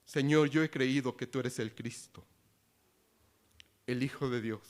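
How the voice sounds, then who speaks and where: A man preaching a sermon, reading scripture quietly and rising into loud appeals with questions to the congregation. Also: medium pitch, a little slow. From Latin America.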